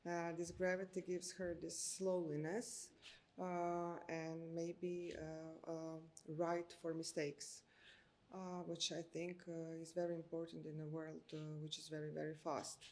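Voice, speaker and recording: A deep-voiced woman from Croatia, an architect in her thirties, gives interview answers in a Croatian accent with little pitch movement and a darkish tone. She is slow and hesitant, and many filler sounds come out as she looks for words.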